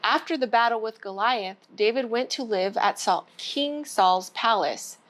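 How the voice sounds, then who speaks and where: Reading a storybook aloud for young children, a woman who hosts storytime at a church keeps her words simple and speaks directly to the kids. Her pitch is fairly high, her tone fairly bright, and her delivery a little slow.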